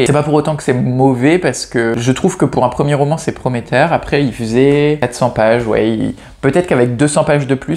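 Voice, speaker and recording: A man's voice: medium pitch, darkish tone. Chatty, hesitant French-speaking man. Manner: hesitant, frequent restarts and self-corrections; chatty and self-mocking. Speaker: book reviewer. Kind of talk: casual chat about novels.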